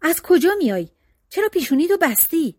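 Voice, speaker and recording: A woman's voice: high-pitched, very animated, no echo, studio quality, pitched above the performer's own voice. A woman reading as an eager young princess. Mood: excited.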